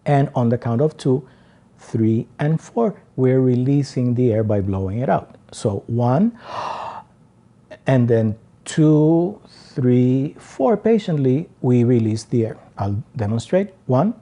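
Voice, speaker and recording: Slow, mellow-voiced male singing teacher. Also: medium pitch, lively intonation. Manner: slow, deliberate explanations with counted breathing demonstrations. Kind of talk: vocal lesson.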